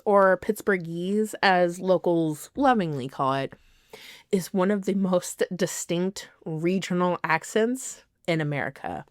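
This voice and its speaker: A woman's voice: on the low side, dry recording, clean studio sound. A woman hosting a podcast in a scripted monologue, giggly and self-deprecating, laughing and apologizing at her own slips. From not from the city she lives in now. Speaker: podcast host.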